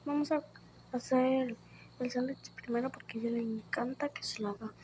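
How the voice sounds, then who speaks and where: A woman narrating a doll game at home at night, talking in a hushed, often whispered voice. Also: high-pitched, steady tone, moderate pace, slight background noise. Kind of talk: playing with dolls and narrating. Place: home kitchen play set at night.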